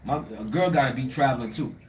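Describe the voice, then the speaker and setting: A young man with a New York accent, chatting in a casual interview, animated and emphatic, repeating himself as he makes his points. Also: medium pitch, fast. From United States (born in Brooklyn to Liberian parents). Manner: animated, emphatic, laughs often, repeats words. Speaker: guest, travel show creator. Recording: distant mic with faint ambient noise.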